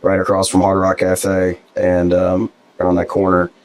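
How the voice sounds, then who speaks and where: A man's voice: deep voice, monotone, moderate pace, darkish tone, low-quality recording. A young man from New Jersey, a musician guest, chatting casually in an interview, tired and hungover, laid-back and rambling with lots of fillers.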